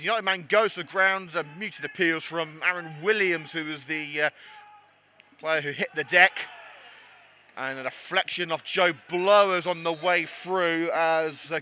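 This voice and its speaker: A man's voice: fairly high pitch, bright, forceful tone. A man giving chatty live commentary on a club football match, slightly out of breath. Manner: chatty, self-deprecating, with frequent fillers.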